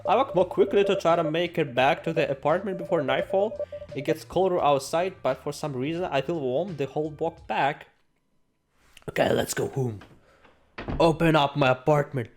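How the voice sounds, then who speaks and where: Game music runs behind a man with a fairly high voice who reads game text aloud during a let's play at normal speed. He's theatrical and playful, full of exclamations and self-directed jokes, with slight background noise.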